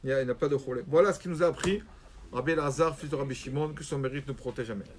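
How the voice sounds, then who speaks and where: A rabbi telling a story in a religious lesson, animated and acting out quoted voices. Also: male voice, medium pitch, very fast, over a noisy crowd.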